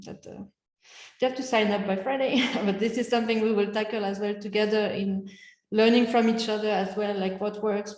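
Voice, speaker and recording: A woman's voice: medium pitch, a little mellow, echoey room, in a large hall, low-quality recording. A woman hosting a webinar, summarizing audience comments in a loose, chatty way. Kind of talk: webinar discussion.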